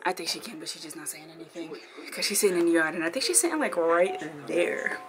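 A woman giving a casual, excitable room tour for her vlog at home. She is congested and talks in a chatty way, full of fillers. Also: lowish voice, fast, a crowd in the background. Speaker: vlogger.

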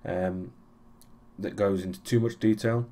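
A man's voice: fairly low pitch, fairly even intonation, measured pace, warm tone. A young man giving a casual weekly vlog recap, rambling with many ums and restarts and a dry, sarcastic streak. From Europe. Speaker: vlogger.

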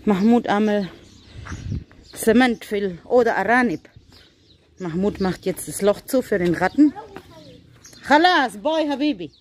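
Woman, casual farm vlog, coaxing animals, mixes languages, mid pitch, light background noise. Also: expressive, measured pace, pauses often. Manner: chatty, switching between German, English and Arabic. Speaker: vlogger. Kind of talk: casual chat while tending farm animals. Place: village farm and stable.

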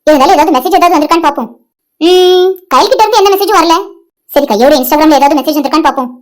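A woman's voice: sits high, close to an everyday voice. A woman voicing a heartbroken young woman betrayed by her lover, tearful and pleading. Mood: worried. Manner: tearful, pleading, slow when grieving. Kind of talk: amateur cartoon voice acting.

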